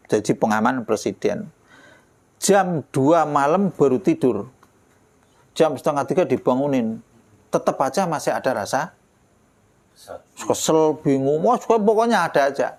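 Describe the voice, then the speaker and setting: A man, teaching a relaxed religious lesson as a kiai, chatty and joking, quoting Arabic verses. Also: fairly high pitch. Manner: chatty, jokey, laughs often, quotes Arabic verses. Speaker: kiai teaching a kitab study.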